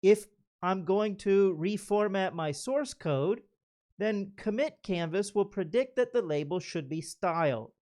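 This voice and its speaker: A man's voice: high-pitched, animated, measured pace, a little mellow. Man giving a carefully enunciated lightning talk. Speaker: conference speaker. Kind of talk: prepared lightning talk presentation.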